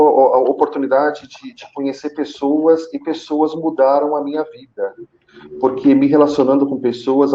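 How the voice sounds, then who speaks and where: A Brazilian man speaks Portuguese with a Brazilian accent as a guest in a live interview, recounting his own story conversationally; he is a senior manager at a call center. His delivery is halting, with repeated words and pauses. His voice is medium-pitched and warm, and the recording sounds lo-fi.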